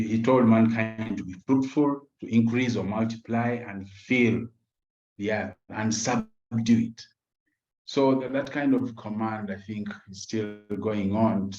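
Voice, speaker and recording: A man's voice: on the low side, mellow. A man speaking as a doctor on a panel, reflective, weaving scripture into his points, heard over echoey, dull video-call audio.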